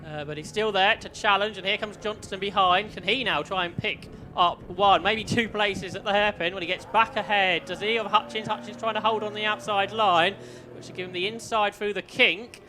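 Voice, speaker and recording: A man's voice: high voice, fairly even intonation, moderate pace, hardly any pauses, bright, forceful tone, soft background music. A man giving live play-by-play motorsport commentary, often posing questions as the action unfolds.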